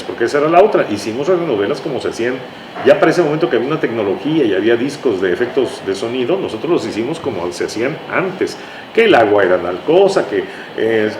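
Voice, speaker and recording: A man with a Mexican accent and a mid-range voice, appearing as an interview guest, is a writer reminiscing about his radio work, sharing anecdotes conversationally and often closing with tag questions. The room is echoey with a noisy ambient hum.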